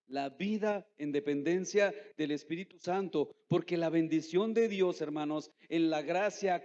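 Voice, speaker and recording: Pastor guy preaching, kinda high voice, asks the church lots of questions, long echo in the hall. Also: darkish tone. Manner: emphatic, asks the congregation rhetorical questions; slows down to stress key words. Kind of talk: sermon. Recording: echoey hall, dull lo-fi sound.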